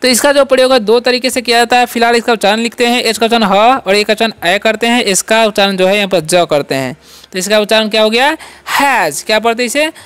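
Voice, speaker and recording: A man's voice: sits high, quick pace, a bit bright, clear, resonant tone. A man teaching English pronunciation as a channel host, asking questions of his students and answering them himself. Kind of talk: classroom-style language lesson.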